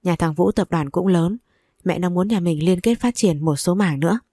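Brisk older mother-in-law, fussing and scolding, read by a woman, low and dark. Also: no echo, clean studio sound. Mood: warm.

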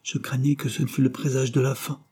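A man voicing a grave older Quaker woman in an audiobook, speaking quietly and plainly. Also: medium pitch, level tone, fairly quick, husky, pitched above the performer's own voice.

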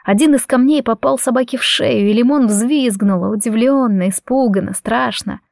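A woman reading a first-person audiobook story in an expressive, emotional way. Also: on the high side, moderate pace, vocal fry, dry recording, studio quality. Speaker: audiobook narrator.

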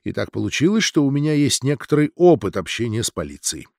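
A man's voice: mid-range voice, big pitch swings, fast, creaky, darkish tone, dry recording. A man voicing a composed, stern male doctor who speaks in a dry, official tone. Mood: calm, dry.

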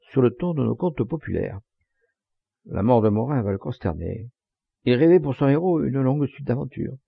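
A man reading an enthusiastic gentleman orator, gravelly. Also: medium pitch, no echo, exaggerated voice. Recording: dull lo-fi dry recording.

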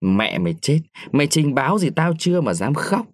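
A man voicing an old, greedy, quick-tempered village clerk who barks threats and harsh questions. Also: a little high, very animated, no room sound, studio quality, pitched above the performer's own voice. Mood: furious.

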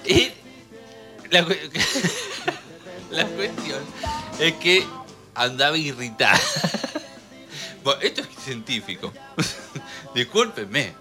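A man with an Argentine Spanish accent hosting a radio show, talking in an animated, joking way and laughing often. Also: on the high side, drawn-out words, pauses often, music in the background. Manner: animated, laughs often while telling jokes. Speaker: radio host. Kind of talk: jokey radio talk. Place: radio studio.

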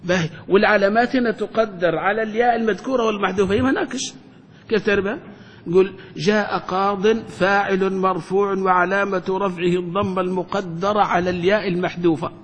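A man, a sheikh teaching a classroom grammar lesson who keeps quizzing the class and slowly draws out his example phrases. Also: husky. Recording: reverberant hall with faint rumble.

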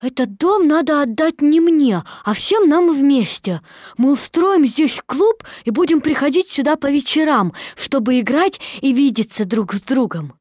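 A small furry creature, gentle and earnest, as a woman puts him on, speaks in a high voice that swoops up and down. The recording is dry and close. The delivery is eager and emphatic. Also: expressive, unhurried, dry recording.

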